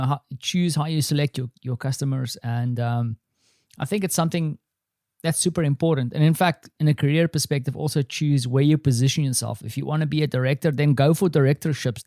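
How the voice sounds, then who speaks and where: A man's voice: fairly high pitch, a little mellow, no echo, studio quality. A middle-aged man hosting his own podcast, rambling and self-deprecating in a casual solo monologue. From South Africa. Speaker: podcast host. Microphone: studio microphone.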